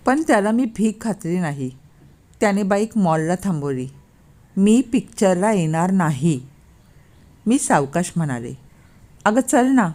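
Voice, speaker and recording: A woman's voice: mid-range voice, darkish tone. A woman narrating a first-person story, lightly acting out the quoted lines.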